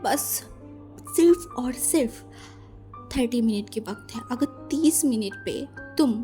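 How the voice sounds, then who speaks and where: A woman voicing a calm young husband in a fan-fiction story who makes soft, slow, teasing threats over the phone. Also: on the high side, faint music behind. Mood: menacing.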